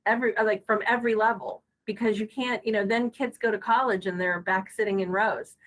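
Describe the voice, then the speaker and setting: A woman's voice: medium pitch, fairly even intonation, brisk, fairly bright tone, rough recording. A middle-aged woman speaking as a podcast guest on school technology, earnest and casual, full of fillers and restarts.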